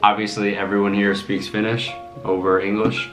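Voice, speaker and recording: A man in his twenties from New York City, USA, a guest who is the host's boyfriend, chats casually and bluntly with some swearing in an American accent. His voice is on the low side, flat, a bit bright, at normal speed. The setting is a small home kitchen indoors, with plucked-guitar music in the background.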